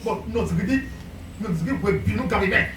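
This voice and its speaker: A woman preaching a sermon, asking the congregation rhetorical questions and bursting into loud, emphatic declarations. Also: medium pitch, animated, fast, far from the mic, noisy background. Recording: echoey hall miked from afar.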